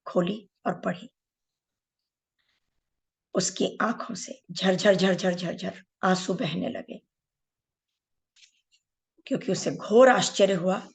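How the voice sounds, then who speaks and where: A middle-aged woman teaches meditation in an unhurried spiritual talk, drawing out her words at a slow pace. Her voice carries a gravelly edge of fry, and she tells stories earnestly while speaking straight to her listeners. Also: mid-range voice. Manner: unhurried, earnest storyteller who addresses listeners directly.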